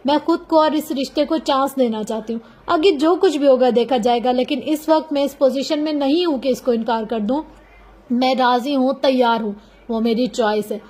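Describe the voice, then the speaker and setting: Woman reading as a proud sharp-tongued young woman. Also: high-pitched, normal speed. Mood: resigned. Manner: sharp, emphatic.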